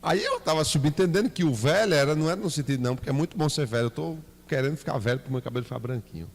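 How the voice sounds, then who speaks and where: In a church hall full of reverb, a man with a Bahian Portuguese accent teaches a Bible class in a slightly high, racing voice. The church teacher keeps things lively, asking the class questions and staging small scenes with his son.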